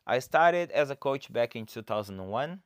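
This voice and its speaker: Speaking alone to his listeners, the fat loss coach from Brazil is expressive and earnestly motivational, using a mid-range voice at a moderate pace. He has a Brazilian Portuguese accent, and the clean studio recording carries no echo.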